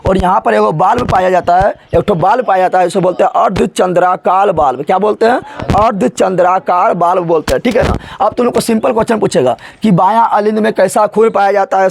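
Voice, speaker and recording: A man's voice: high-pitched, vocal fry. A man teaching a biology lesson, asking the class question after question and answering them himself in colloquial, regional speech. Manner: drills students with repeated questions and answers.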